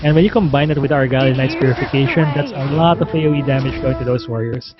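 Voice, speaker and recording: A man's voice: medium pitch, fast. A man giving live commentary on an esports match, talking conversationally with frequent fillers. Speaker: esports caster. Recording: dull lo-fi stream audio with game music.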